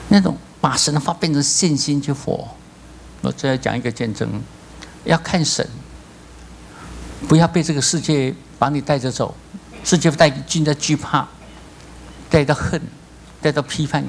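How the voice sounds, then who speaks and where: A male pastor with a Taiwanese accent preaching a sermon, telling stories with lively acted-out voices. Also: medium pitch, moderate pace, vocal fry, long pauses, a little hiss or hum. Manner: animated storytelling, acts out voices, laughs.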